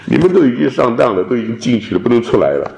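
A man teaching a theology class, lecturing in an animated way and dropping in English terms. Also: medium pitch, quick pace, gravelly, a little hiss or hum. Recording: roomy echo.

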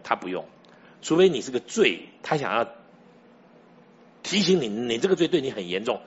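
Husky male pastor, chatty sermon. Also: medium pitch, dull audio. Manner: conversational storytelling, asks the listener directly.

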